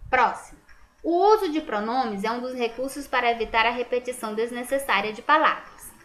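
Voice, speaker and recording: A woman's voice: fairly high pitch, fairly quick, fairly bright tone. A Brazilian woman teacher patiently going over a school exam, asking and answering her own questions. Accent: Brazilian Portuguese. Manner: patient, checks answers aloud with rhetorical questions. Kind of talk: exam correction lesson.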